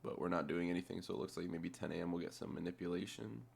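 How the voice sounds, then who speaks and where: A man's voice: low-pitched, fast talker, creaky, a little mellow, slightly rough. A man giving casual screen-share commentary as a trader, thinking aloud in an offhand, muttering way with casual swearing. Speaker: trader narrating a chart replay.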